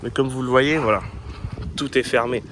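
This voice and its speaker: A man's voice: medium pitch, steady tone, normal speed, fairly bright tone. A young man vlogging as he walks outdoors, his voice sitting in a middle register. He talks to the camera in a chatty, upbeat way, telling his travel story with plenty of fillers. Faint street and traffic noise runs behind him. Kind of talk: casual travel vlog narration to camera. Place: outdoors on a seaside town street.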